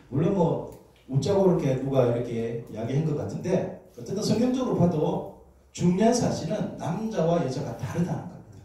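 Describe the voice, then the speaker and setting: A middle-aged male pastor preaches with humor, throwing questions out to his congregation. His voice sits high and swings widely in pitch, with a mellow, soft-edged tone. It comes from far off the mic in a very echoey church hall. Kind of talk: sermon. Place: church sanctuary.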